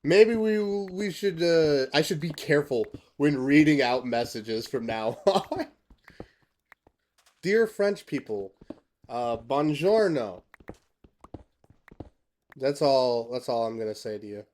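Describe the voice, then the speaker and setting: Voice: medium pitch, measured pace, hardly any pauses, darkish tone. Laughing, swearing Canadian streamer. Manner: laughs often, swears casually, reads out chat messages. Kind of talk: casual gameplay commentary.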